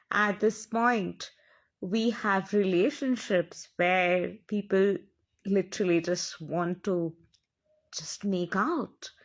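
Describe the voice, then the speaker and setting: A woman with an Indian English accent, giving an earnest spiritual monologue in an impassioned, preachy way with lots of repeated phrasing. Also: lowish voice. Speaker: spiritual channel speaker.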